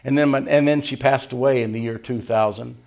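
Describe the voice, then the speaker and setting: An older man from Tennessee preaching a sermon, quoting scripture in old-fashioned wording and swinging between loud emphasis and hushed asides. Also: mid-range voice, steady tone, brisk, creaky. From Tennessee, USA. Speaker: pastor.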